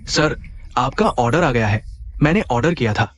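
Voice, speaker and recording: A man voices a husband in a dubbed drama, his pitch swinging widely as he speaks. The lines come with emotional, dramatic weight. A faint noise sits under the recording. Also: lively intonation, moderate pace, fairly bright tone, close to an everyday voice. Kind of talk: Hindi dub of a short drama.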